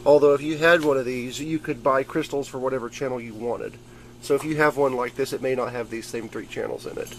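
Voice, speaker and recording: Steady in tone and fairly quick, this mid-range-voiced man walks through his gadgets in a rambling, informal show-and-tell, sounding like a hobbyist. The recording has clearly noisy amateur camera sound.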